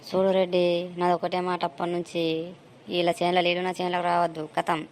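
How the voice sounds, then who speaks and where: A woman's voice: on the low side, completely flat delivery, fast talker, darkish tone, slight background noise. A woman voicing quarrelsome villagers in a cartoon, arguing in a rustic manner. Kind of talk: cartoon voice acting, several village figures.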